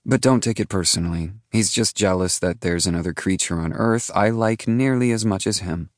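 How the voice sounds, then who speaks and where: Man voicing a wry, soft young woman. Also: low voice, moderate pace, dry recording, studio quality, voice pushed up, natural voice. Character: sardonic young woman horror writer. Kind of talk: audiobook character voice.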